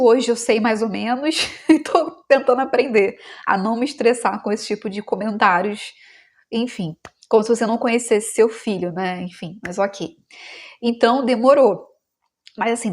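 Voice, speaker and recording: A woman with a Brazilian Portuguese accent, a mother talking casually and heartfelt to the camera in a family vlog. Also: a little high. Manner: chatty and heartfelt, many "né" and "sabe" tags; slows to a gentle devotional tone. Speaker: mother and vlogger.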